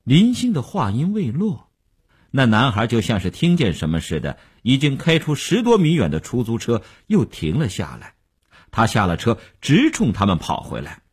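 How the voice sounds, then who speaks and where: A man narrating a novel as an audiobook in a measured, expressive storytelling manner. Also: mid-range voice, breathy edge.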